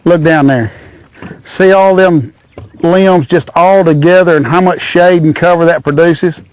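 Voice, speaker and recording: A man's voice: fairly high pitch, unhurried, no room sound. A middle-aged man hosting a fishing show from a small boat on a lake, hollering and cooing at the fish as he reels them in. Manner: excitable, hollers and coos at the fish. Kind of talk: excited outdoor fishing commentary.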